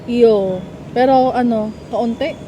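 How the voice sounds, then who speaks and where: A woman's voice: a little high, slow, warm tone, highs cut off. A Filipino woman co-hosting a casual mukbang chat and asking questions. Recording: clearly noisy background hum and traffic.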